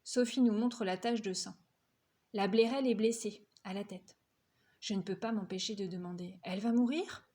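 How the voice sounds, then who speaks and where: A woman reading a children's novel aloud, lifting her voice for the characters' lines. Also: moderate pace. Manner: lively, voices characters' quotes higher. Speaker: reader.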